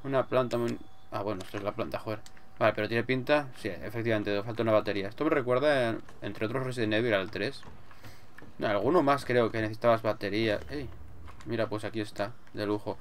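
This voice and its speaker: A man's voice: lowish voice, quick pace, a little hiss or hum. A man with an accent from Spain giving casual, sweary gameplay commentary, muttering to himself as he plays. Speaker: gamer, let's player. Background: game music.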